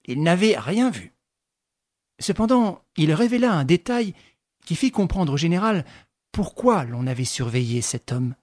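A man narrating a novel in a measured, even storytelling manner. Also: fairly high pitch, no echo, studio quality. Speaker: audiobook narrator. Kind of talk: scripted narration.

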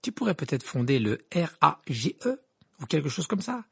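A teasing teenage wizard boy, voiced by a male reader, mocking one moment and uneasy the next. His voice is husky and gravelly with lively pitch, in a storybook reading. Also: moderate pace, exaggerated voice.

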